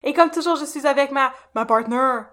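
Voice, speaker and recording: A woman's voice: high voice, brisk, bright, forceful tone. A woman with a Québécois French accent co-hosting a podcast in a playful, chatty way. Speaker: podcast co-host. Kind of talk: casual podcast chat.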